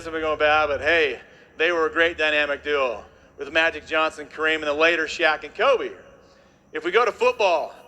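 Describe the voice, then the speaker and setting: A man presenting on stage to a live audience, energetic and jokey, working the crowd with constant tag questions. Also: sits high, a little hiss or hum.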